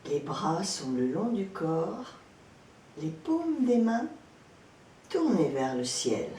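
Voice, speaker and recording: The woman guiding this yoga relaxation speaks as an instructor, gently and calmly, with many pauses. Sound comes from a distant mic in an echoey room, carrying background noise and rumble.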